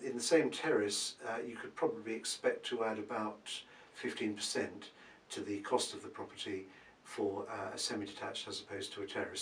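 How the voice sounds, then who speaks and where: A man, a property expert answering viewer questions in a casual Q&A, relaxed and thinking aloud with many ums. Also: lowish voice. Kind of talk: casual advice Q&A. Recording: roomy, from a distance, faint background hum.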